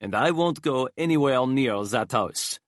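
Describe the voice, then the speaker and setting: A man voicing a cool, calculating young male leader who speaks in a calm, clipped, dry way. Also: mid-range voice, unhurried, no room sound, close to an everyday voice.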